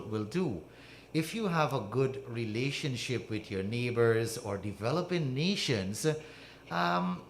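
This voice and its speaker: A middle-aged man from Guyana with a Guyanese accent, co-hosting a studio radio talk show, halting and repeating words as he builds his point. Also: mid-range voice, a little hiss or hum. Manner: halting, repeats words, grows loud and proud. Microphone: studio mic with headphones.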